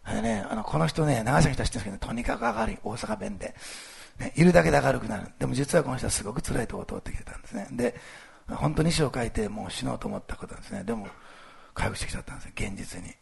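This is a male pastor with a strongly gravelly, husky voice. He preaches in a lively, animated way, full of fillers, and talks quickly. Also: medium pitch. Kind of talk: sermon with church announcements.

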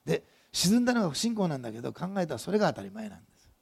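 Male pastor, sermon; gravelly and husky, animated storyteller who talks with his congregation. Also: a little high, very fast. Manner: lively storytelling preacher who asks the congregation questions.

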